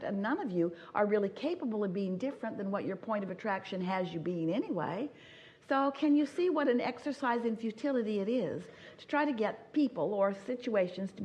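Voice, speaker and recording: A woman's voice: mid-range voice, a little mellow, lo-fi sound. A woman giving a motivational seminar talk, speaking as a collective "we" and repeating points for emphasis. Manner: emphatic repetition. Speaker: inspirational speaker.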